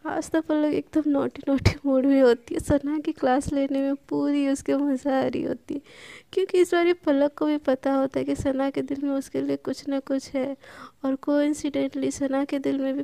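A woman's voice: sits high, creaky, mellow, dry recording. A woman narrating a romance story in a chatty, casual storytelling manner, dropping in English words.

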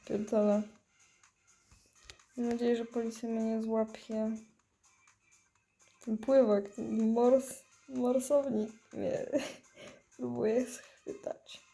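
A stoned woman, high on weed, giving dazed, giggly, foul-mouthed rambling commentary while gaming. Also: level tone, takes it slowly, creaky, long pauses, dark tone, faint music behind. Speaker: mobile game player. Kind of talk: casual gameplay commentary.

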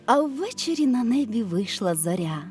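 A woman narrating a scripted audio fairy tale in a studio with a gentle, expressive voice. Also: a little high, moderate pace. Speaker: storyteller. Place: recording studio. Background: soft music.

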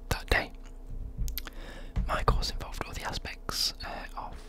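A young adult with a British accent giving a whispered, informal ASMR chat, with soft mouth sounds. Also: unhurried. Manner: whispering throughout. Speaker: ASMR creator, university student. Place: indoors at a desk. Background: occasional tapping and desk creaks.

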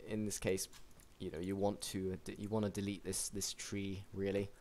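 Excitable man casting a strategy game. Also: sits low, moderate pace, slight background noise. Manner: chatty, excitable, many restarts and fillers. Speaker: game caster. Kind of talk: casual gameplay commentary.

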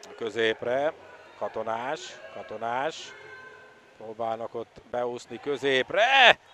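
A man giving excitable live water polo commentary, openly behind the home side. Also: medium pitch, slight background noise. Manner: excitable, partisan home-side commentary, swelling at attacks and goals. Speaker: sports commentator.

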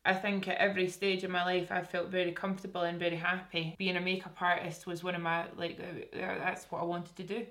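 A woman's voice: on the low side, a bit bright. A young woman with a broad Scottish accent, chatting candidly and informally in a casual makeup vlog. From Scotland. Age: young adult. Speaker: beauty YouTuber. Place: indoors, small room with curtain backdrop.

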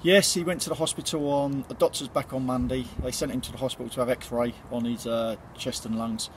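Outdoors by a stadium building at night, a middle-aged football manager gives a plain-spoken post-match interview full of ums and repeated words. His medium-pitched voice is fairly quick with fairly even intonation, and the low-quality recording has loud background noise.

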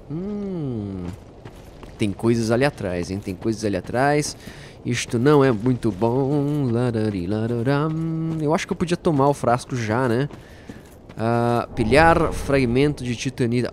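A man's voice: mid-range voice, a little hiss or hum. Playful man streaming a game. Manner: playful, jokey, talks to viewers as "folgados"; excitable outbursts during fights. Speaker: gaming YouTuber. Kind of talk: let's play commentary.

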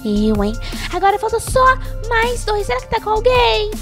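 A woman's voice: very high voice, sing-song, normal speed. A woman hosting a let's-play, narrating her game in jumpy exclamations and talking to viewers and to herself. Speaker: gaming channel host. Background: game music.

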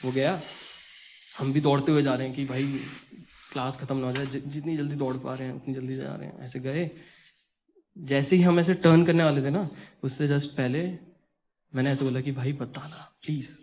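A young man telling a comic school story on stage, animated and acting out the voices of friends and teachers. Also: medium pitch, normal speed, pauses often, slight background noise. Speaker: stand-up comedian. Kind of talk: stand-up storytelling.

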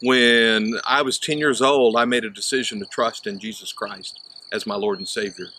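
A man's voice: lowish voice, fairly even intonation, normal speed, sharp tone, a little hiss or hum. A man in his fifties, a pastor from southern Illinois, giving a conversational sunrise sermon in an open field, with frequent "uh" fillers. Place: open field outdoors at dawn. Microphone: camera at chest framing, unseen mic. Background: faint birds and insects.

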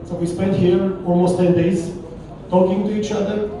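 A man from Romania with a Romanian accent, a visiting coach giving a formal thank-you speech in a halting, deliberate way with repeated phrases. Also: high-pitched, flat delivery. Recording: distant echoey hall, audible crowd.

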